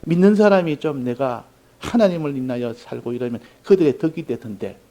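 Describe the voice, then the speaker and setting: A man preaching a sermon, telling a story in an earnest way, with sudden loud emphasis. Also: medium pitch, lively intonation, brisk, low-quality recording. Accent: Korean. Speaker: pastor.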